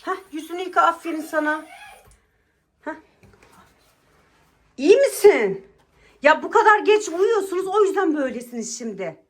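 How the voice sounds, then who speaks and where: A woman with a very high voice plays an exasperated mother in a home bedroom. She scolds and coaxes by turns, sounding worn out. This is a scripted family skit. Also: very animated, moderate pace, pauses often.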